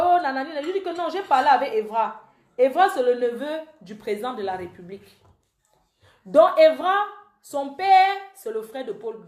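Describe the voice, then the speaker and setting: Reverberant audio carries a woman's voice that sits on the high side with a darkish tone. Calling herself the panther, this online commentator rants emotionally on a live stream, hurling repetitive accusations straight at an absent man.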